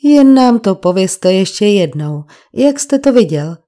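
A woman's voice: medium pitch, sing-song, dark tone, lightly acted. A woman reading an audiobook, voicing a persistent male police detective who questions a witness insistently. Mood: probing.

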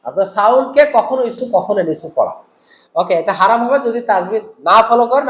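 A man's voice: high-pitched, a bit bright, roomy sound. A man teaching Quran recitation in an online lesson, explaining each rule and chanting short examples.

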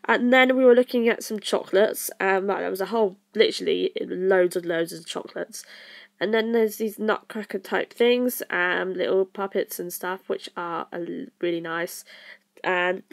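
A woman's voice: medium pitch, fairly even intonation, normal speed, creaky. A young woman narrating her own travel vlog in a casual voice-over, rambling with lots of fillers and self-corrections. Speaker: vlogger.

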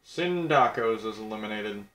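A man's voice: on the low side, animated, moderate pace, a bit bright, roomy sound. A young man casually commenting on a video game, blunt and crude, mocking himself as he reads out who is eliminated.

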